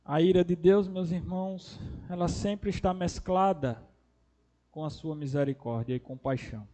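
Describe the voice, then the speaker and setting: Pastor, high voice, passionate sermon, loud cries and hushed stretches. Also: male voice. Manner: impassioned, swinging between loud cries and soft, drawn-out words. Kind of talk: expository sermon.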